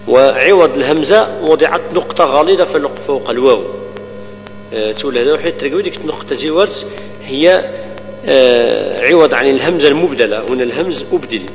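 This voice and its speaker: A man leads a Quran recitation lesson, explaining each rule patiently and drawing out the verses slowly. His voice rings with a long reverb and sounds dull and lo-fi. A mains hum and faint music sit underneath. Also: medium pitch.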